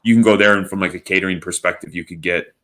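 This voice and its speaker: A man with a fairly low voice, co-hosting a podcast in easygoing chat. His talk is loose and jokey, with casual swearing. He tosses ideas back and forth with his co-host. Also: steady tone, fast, bright, forceful tone.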